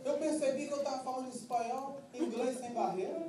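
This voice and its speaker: High-voiced man preaching from Minas Gerais. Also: brisk, a loud crowd. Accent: Minas Gerais Brazilian Portuguese. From Minas Gerais, Brazil. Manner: humorous, storytelling, emphatic preaching. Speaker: pastor. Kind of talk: preached sermon. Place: church hall before a congregation. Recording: echoey church hall, distant mic, music and congregation.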